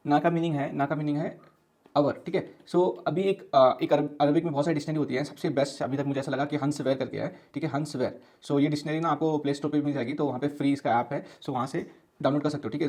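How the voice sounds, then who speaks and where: A man's voice: a little high, darkish tone. Man teaching with patient repeats. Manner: explains slowly with many repeats and fillers; mixes English words into his talk. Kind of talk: casual online lesson.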